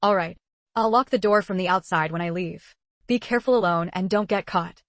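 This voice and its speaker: A woman reading the lines of a calm, reserved young male researcher in an audiobook, in her own everyday voice and a cool, matter-of-fact manner. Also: lowish voice, brisk, dry recording, natural voice.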